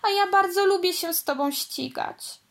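A woman voicing a tearful little girl race car in a storybook, high and breaking with sobs. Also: a little slow. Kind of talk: storybook read-aloud.

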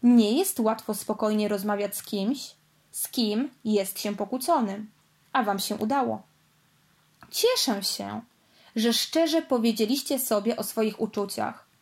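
A woman voicing a calm, understanding father car in a storybook, speaking gently. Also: medium pitch, unhurried, close to an everyday voice. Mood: gentle. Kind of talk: storybook read-aloud.

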